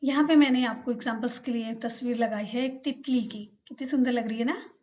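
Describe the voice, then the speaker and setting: एक महिला शिक्षिका धैर्य से पाठ समझाती है और हर उच्चारण को धीरे-धीरे दोहराती है।. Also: female voice, on the high side, fairly even intonation, darkish tone, dull audio. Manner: patient, repeats each sound slowly for learners. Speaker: Korean language teacher. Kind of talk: slow explanatory lesson.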